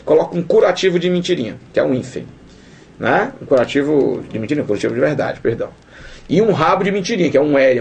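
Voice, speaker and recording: A man teaching Portuguese grammar in a lively video lesson, playful and colloquial, talking straight to the viewer and acting out student questions. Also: mid-range voice, creaky, breathy edge.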